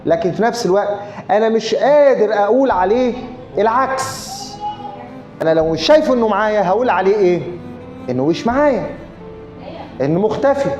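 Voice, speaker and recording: A man with an Egyptian Arabic accent, a pastor giving a sermon in an animated storytelling way. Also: high voice, echoey room, lo-fi sound. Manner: animated storytelling, acting out his own and others' words.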